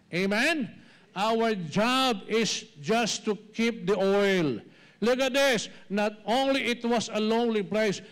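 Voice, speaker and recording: High-voiced Filipino preacher. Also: male voice, smooth. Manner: switches between Tagalog and English, addresses listeners as brothers and sisters. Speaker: pastor. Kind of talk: sermon.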